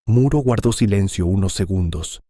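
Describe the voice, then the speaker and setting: Calm man narrating. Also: sits low, moderate pace, no room sound, studio quality. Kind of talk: scripted first-person story narration.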